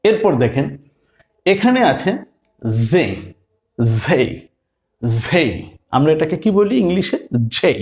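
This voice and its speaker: A man with a Bengali accent teaching English letter sounds slowly, repeating each one and putting questions to his learners. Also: high-pitched, lively intonation, a little mellow. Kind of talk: phonics lesson.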